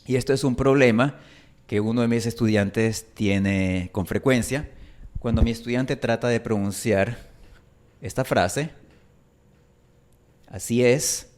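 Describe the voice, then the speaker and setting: A man teaching Spanish pronunciation, a native speaker who enunciates carefully and draws out his example vowels. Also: mid-range voice. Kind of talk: pronunciation lesson.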